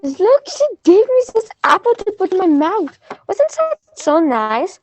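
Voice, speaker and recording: Woman playing Gretel, high-voiced naive little girl. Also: big pitch swings, measured pace, a little hiss or hum, heavily acted. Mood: naive wonder. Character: naive, anxious little fairy-tale girl. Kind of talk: comic children's fairy-tale play.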